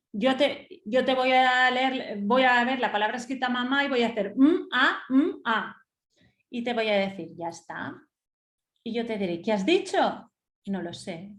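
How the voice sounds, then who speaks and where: Middle-aged woman teacher, patient webinar explainer, roomy echo on the voice. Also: mid-range voice. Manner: didactic, checks in with rhetorical "¿sí?". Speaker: teacher giving a reading webinar.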